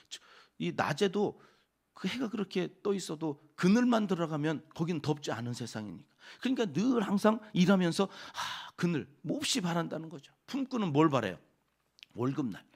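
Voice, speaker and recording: A man's voice: sits high, vocal fry, darkish tone, breathy edge. A male pastor giving a conversational early-morning sermon, often asking the congregation questions and answering them himself.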